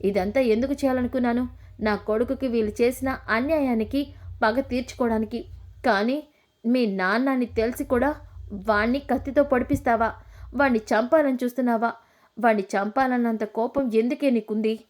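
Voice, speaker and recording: A woman's voice: a little high, normal speed, natural voice. A woman voicing a scheming elderly grandmother who scolds and demands answers. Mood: furious. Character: scheming elderly grandmother, sharp-tongued, furious.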